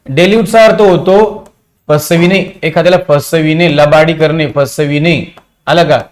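Speaking at normal speed in a steady tone, this man has a somewhat high voice. He's a teacher with a Marathi accent running an exam-prep vocabulary lecture, going over meanings again and again and putting questions to the class.

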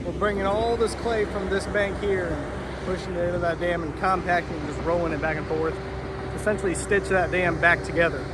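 A young man from Oklahoma explaining a pond renovation on site, earnest and explanatory, sometimes repeating words as he thinks. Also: high voice. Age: young adult. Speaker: pond builder. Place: outdoor construction site by a pond, heavy machinery nearby. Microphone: handheld phone camera at arm's length. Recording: outdoor recording with clear machinery noise.

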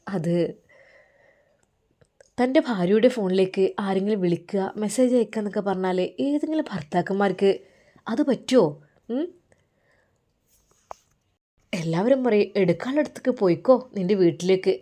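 A woman voicing a gentle, devout cleric husband who speaks softly and reassuringly. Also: medium pitch, lightly acted. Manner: soft, reassuring.

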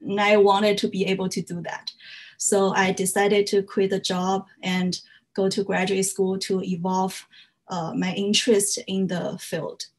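A woman's voice: mid-range voice, flat delivery, unhurried. A young woman from China, speaking English as a second language, gives an earnest slide talk about her work as a fiber artist, with frequent "uh" fillers. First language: Chinese. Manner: earnest, frequent "uh" fillers, slightly non-native grammar.

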